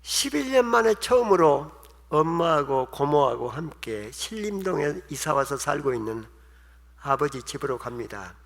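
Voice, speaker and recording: A man's voice: on the high side, big pitch swings, normal speed, vocal fry. A man preaching a sermon, telling a story with emotion and acting out the voices of the people in it. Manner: emotional, acts out quoted voices. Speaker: pastor. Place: church sanctuary. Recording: long hall reverb.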